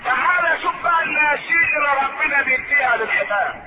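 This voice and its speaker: An Egyptian man with a high voice preaches to his congregation, weaving storytelling and recited verse in Egyptian Arabic. He moves rhetorically between everyday asides and stretched, declaimed phrases. A crowd can be heard in the background, and the sound is thin, noisy and phone-like.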